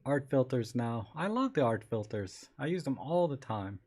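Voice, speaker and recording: Today a bit scratchy-voiced, a man hosts a relaxed photography Q&A livestream, speaking at normal speed with medium pitch. He reads viewers' comments aloud and answers in a loose, rambling way, restarting often.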